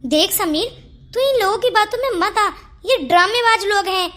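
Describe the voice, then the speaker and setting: A woman's voice: very high voice, animated, normal speed, a bit bright. A woman voicing a stern, bossy older mother in a cartoon story. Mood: angry scolding. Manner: scolding, bossy. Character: stern strict older Indian mother-in-law. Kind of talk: cartoon voice acting.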